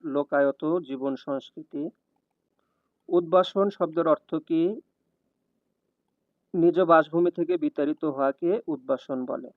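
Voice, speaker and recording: A man reading exam questions and their answers one after another in an even, steady cadence, like a tutor. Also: fairly high pitch, slow pace, long pauses, dry recording. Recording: tinny, dry, phone-like sound.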